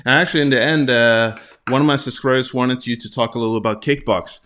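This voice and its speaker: A man hosting a casual interview, asking questions in a halting way and often rephrasing them. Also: medium pitch, steady tone, pushed and bright. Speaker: interviewer, host.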